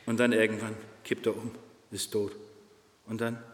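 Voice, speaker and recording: A man preaching a fervent, emphatic sermon, leaping between loud high peaks and low hushed tones. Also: flat delivery, normal speed, background noise. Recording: reverberant hall.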